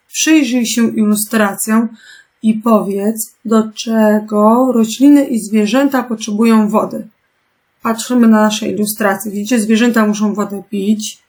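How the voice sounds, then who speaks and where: A woman teaching a remote lesson to young pupils, patient and clear, asking them gentle questions. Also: medium pitch. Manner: slow, patient, clearly articulated instructions. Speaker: primary school teacher.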